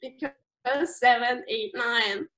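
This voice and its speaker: This is a young woman who works at a camp, an Austrian native German speaker with the matching accent, being interviewed casually over video about camp life. She takes it slowly in a voice on the high side and a bit bright, peppering her talk with fillers and restarts.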